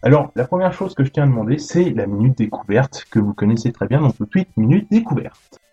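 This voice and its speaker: A man's voice: mid-range voice, sing-song, brisk, dark tone, slightly rough. Man hosting a lo-fi gaming podcast. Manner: chatty, many fillers and restarts. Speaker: podcast host.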